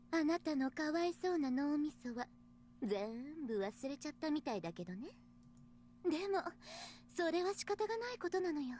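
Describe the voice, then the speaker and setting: A woman with a high voice plays a cruel young female mastermind in a Japanese visual novel, gloating in a breathy, drawn-out, taunting purr. Slight background noise is present.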